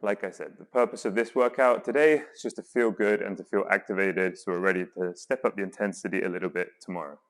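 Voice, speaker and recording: A man's voice: low-pitched, steady tone, fast talker, hardly any pauses. Male workout coach, encouraging and instructional. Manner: encouraging, reassuring coaching with counts. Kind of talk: guided exercise instruction. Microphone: worn mic while exercising.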